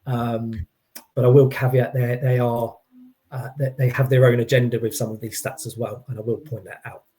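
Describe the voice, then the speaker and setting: A man's voice: medium pitch, little pitch movement, moderate pace, warm tone. A man giving an informal expert explanation, hesitant, often restarting and qualifying his points. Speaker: employee engagement consultant as guest.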